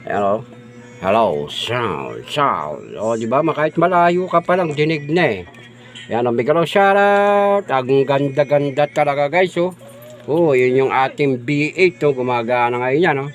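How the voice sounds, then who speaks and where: A man's voice: on the high side, normal speed. A middle-aged man, chatting casually in a vlog as he shows off and sound-checks his new microphone, repeating his filler phrases often. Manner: chatty and repetitive, says "guys" and "oh, di ba" often; does mic sound checks, sometimes stepping away from the mic. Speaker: vlogger showing off a new microphone.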